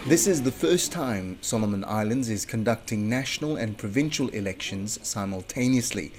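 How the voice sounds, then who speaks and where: A man's voice: mid-range voice, a little mellow. A man working as a radio reporter, narrating a scripted news report.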